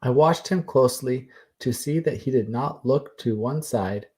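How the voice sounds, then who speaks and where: A man voicing a 19th-century man who gives a sworn account, read slowly and in a measured way. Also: medium pitch, a little mellow, close to an everyday voice. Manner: slow, measured reading.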